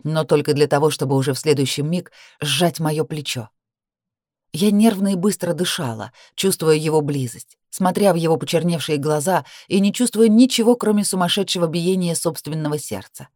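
A woman reading a romance novel aloud in an expressive narrating voice. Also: normal speed, no echo, clean studio sound. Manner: expressive reading, rising high for the heroine's cries. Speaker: audiobook narrator.

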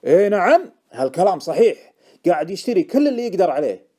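Man voicing a shrill pushy stock tipster. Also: animated, normal speed. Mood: insistent. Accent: Gulf Arabic. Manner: insistent, indignant, loud. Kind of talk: audiobook character voice.

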